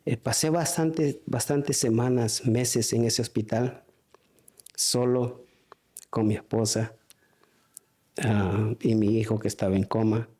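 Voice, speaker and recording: A man giving a spoken church testimony, halting, with frequent restarts and fillers. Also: medium pitch, steady tone, mellow.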